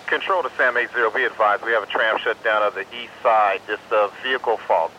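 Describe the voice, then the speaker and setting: A man's voice: fairly low pitch, fairly quick, pushed and bright, low-quality recording. A man working as a control room dispatcher, giving procedural, repeated announcements over a two-way radio in the manner of marine radio calls. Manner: procedural, repeating key instructions. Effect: two-way radio transmission. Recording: hissy radio channel with faint noise.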